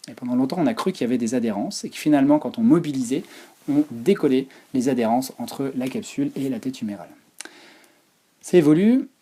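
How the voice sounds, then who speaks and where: A man's voice: mid-range voice, expressive, fast talker, mellow, breathy edge. A man presenting a physiotherapy talk over slides, hesitant, with many fillers and restarts. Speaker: physiotherapy lecturer.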